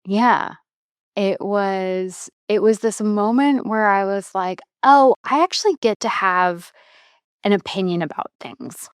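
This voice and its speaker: This podcast host, a woman in her thirties, speaks slowly in a mid-range voice that is clear and resonant. There's no echo, just clean studio sound. Her casual talk is reflective and chatty, frequently drifting off before she restarts.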